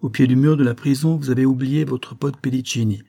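A man's voice: medium pitch, fairly even intonation, brisk, creaky, dark tone, voice pushed up. A man reading the part of a streetwise female police captain who talks bluntly and matter-of-factly. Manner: blunt, slangy, matter-of-fact.

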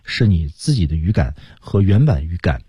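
A male pronunciation teacher gives measured, explanatory feedback in a radio lesson. His voice is low, warm and slightly husky, with lively shifts in pitch. The sound is dry and close. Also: dry recording, muffled recording. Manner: measured, explanatory with many fillers.

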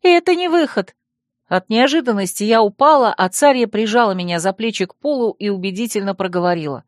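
A woman narrating a first-person audiobook in a lively, expressive storytelling manner. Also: mid-range voice, fast, no echo, studio quality.

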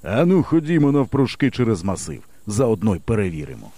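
A man doing a gruff bass-voiced thug. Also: big pitch swings, fairly quick, warm tone. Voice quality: deep bass. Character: gruff deep-voiced grown man, rough village thug. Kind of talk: audiobook character voice.

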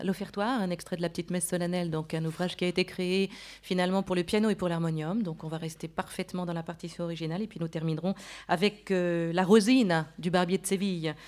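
A female radio presenter with a slightly low voice, hosting live from an auditorium. She puts questions to her guest and introduces what comes next in a presenter's spoken style. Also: darkish tone. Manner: supplies and corrects the guest's words. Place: opera house auditorium.

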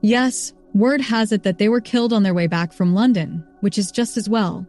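A woman's voice: mid-range voice, moderate pace, a little mellow, faint music behind, close to an everyday voice. A woman voicing a meek, obedient young serving woman in a castle. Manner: meek, deferential.

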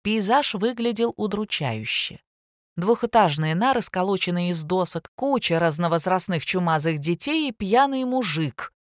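A woman narrating an audiobook in a steady, expressive reading. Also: fairly low pitch, moderate pace, dry recording, studio quality. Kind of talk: scripted narration.

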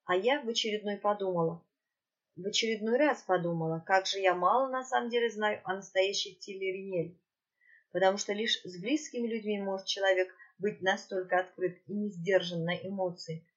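A woman's voice: mid-range voice, fairly quick, muffled recording. Woman narrating a fantasy audiobook. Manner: even storytelling, occasional slips. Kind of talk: first-person fantasy novel narration.

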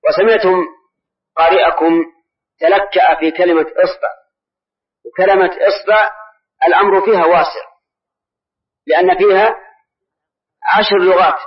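A man teaching in a mosque lesson, speaking slowly and deliberately, repeating words and quizzing his listeners. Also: high-pitched, fairly even intonation. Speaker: Islamic scholar answering questions. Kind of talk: mosque lesson, explaining grammar. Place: large mosque. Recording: dull lo-fi old recording.

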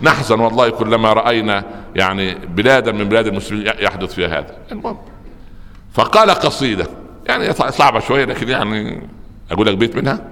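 A man with an Egyptian accent giving a religious lesson to a live audience, telling stories with lively asides and tossing rhetorical questions to his listeners. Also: lowish voice, quick pace, big-room sound. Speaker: preacher teaching a religious lesson.

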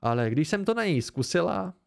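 Fields: Figure: man doing a bold flirty barmaid. Pitch: high. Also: sing-song, vocal fry, heavily acted. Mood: insistent.

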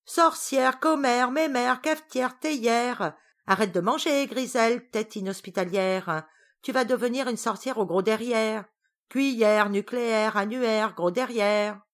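A woman's voice: mid-range voice, lively intonation, moderate pace, a little mellow, close to an everyday voice. A woman voicing a small, cheeky worm creature with a childlike, sing-song way of talking. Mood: teasing sing-song. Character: small cheeky red-tufted worm, young.

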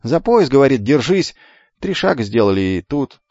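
A man voicing a sulky, stubborn young boy twin who grumbles in a high voice. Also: sing-song, moderate pace, a little mellow, no echo. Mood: grumbling. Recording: dull lo-fi with faint music.

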